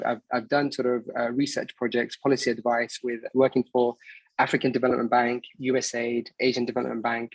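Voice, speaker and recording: A man in his thirties, from Bangladesh and raised in England, gives a casual presentation on a video call. His mid-range voice is somewhat husky, and he's hesitant, using many fillers and often restarting sentences. The low-quality recording is close and dry, with no room sound.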